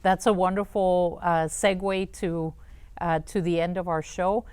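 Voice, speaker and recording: A woman hosting a talk show, interviewing in a conversational way with hesitant, halting phrasing. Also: on the low side, steady tone, darkish tone, clean tone, no echo.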